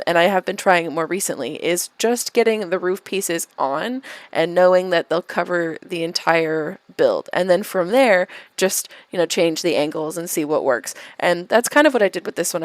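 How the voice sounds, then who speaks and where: A woman's voice: fairly low pitch, moderate pace, dry recording. A woman talking casually over her game build as a YouTube vlogger, chatty with lots of fillers and restarts, and a dry, self-mocking humor. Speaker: gaming YouTuber.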